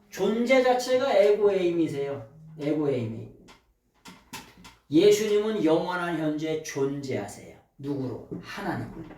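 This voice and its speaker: Animated pastor preaching in an echoey church. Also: male voice, distant mic. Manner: preaching with call-and-response questions to the congregation; swings from loud shouting to quiet low asides. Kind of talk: sermon. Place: church sanctuary.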